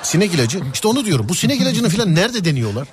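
Lively male host, jokey storyteller, swooping pitch, faint background noise. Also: very fast. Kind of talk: casual chat.

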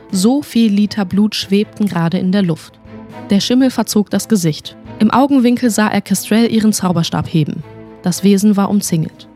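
A woman narrating a humorous fantasy audiobook story in a lively storytelling manner. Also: mid-range voice.

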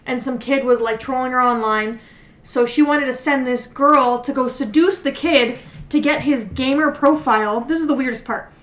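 A woman co-hosting a casual podcast, retelling a story rapidly and animatedly, peppered with "like" and swearing. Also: high-pitched. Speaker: podcast co-host. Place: indoor room, drinking with friends. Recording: echoey room.

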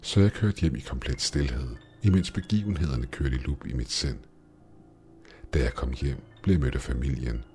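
A man narrating a scripted horror story in a measured, dramatic way. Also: very deep voice, warm tone. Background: faint music.

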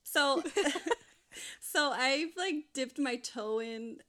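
A woman's voice: high voice, drawn-out words, pushed and bright. A young woman co-hosting a casual chat, rambling with lots of fillers and restarts.

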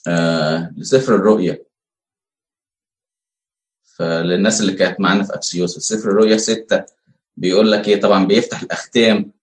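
A man with an Egyptian Arabic accent preaching a conversational sermon, asking rhetorical questions and pausing on fillers. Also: low voice, steady tone. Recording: echoey room.

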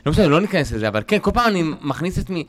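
A man's voice: a little high, no room sound. A man who is a stand-up comedian, telling stories in a casual podcast chat and acting out the voices he quotes. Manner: animated storyteller, acts out quoted voices.

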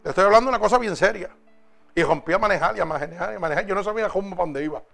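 A man preaches with fervor, his voice high and bright as he presses his listeners. He drops into quiet, intimate storytelling, then rises again into urgent exhortation. Soft music plays faintly behind him. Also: very fast, creaky. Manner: fervent, swings between loud exhortation and hushed storytelling. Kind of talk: sermon and personal testimony.

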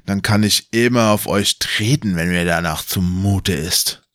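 A man voicing a cruel, mocking male wizard villain, speaking slowly and drawing out his taunts. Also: low voice, fairly bright tone, no echo, studio quality. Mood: taunting. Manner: slow, drawn-out taunting.

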